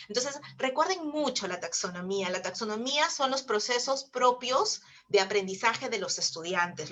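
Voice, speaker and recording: A Peruvian woman speaks to fellow teachers in an online webinar with a bright, forceful voice set a little high. She explains ideas step by step and keeps checking in with her listeners. The sound has the feel of a video call. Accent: Peruvian Spanish. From Peru. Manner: explanatory, with frequent tag questions.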